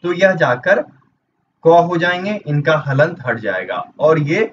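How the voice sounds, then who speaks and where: A man's voice: fairly high pitch, sing-song, a little slow, a bit bright. A man teaching a grammar lesson for exam preparation. He explains step by step and asks questions that he then answers himself. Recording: dull distant mic with faint noise.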